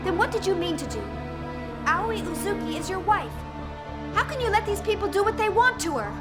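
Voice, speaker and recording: A woman's voice: extremely high pitch, expressive, a little fast. An actress playing a spirited, defiant young woman held captive, stubborn and indignant, in a game cutscene. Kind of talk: dramatic game cutscene acting. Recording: music behind the voice.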